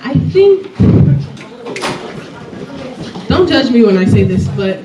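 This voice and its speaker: A woman's voice: a little high, sing-song, moderate pace, dull audio, background noise. A young woman contestant answering questions on stage in an earnest, hesitant way, with Yoruba family roots. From Nigerian family, Yoruba. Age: young adult. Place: large hall. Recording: roomy hall from far off with crowd.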